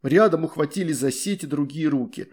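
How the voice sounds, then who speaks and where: A man reading a story aloud, narrating in a lively way between voiced figures. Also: fairly high pitch, fairly quick, breathy edge. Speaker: reader.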